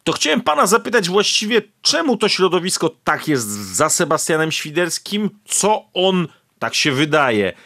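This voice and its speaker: A man interviewing a guest, asking long questions in a lively voice that climbs high and drops low, stumbling and restarting as he goes. His pitch sits in a middle range, and the speech is plain. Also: normal speed. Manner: animated questioning with many restarts. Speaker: radio interviewer.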